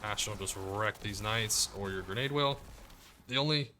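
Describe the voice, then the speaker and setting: A man giving casual commentary as he plays through a video game guide, relaxed and explaining as he goes. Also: fairly low pitch, normal speed, slight background noise. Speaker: gaming guide creator. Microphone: desk mic, muted to cough.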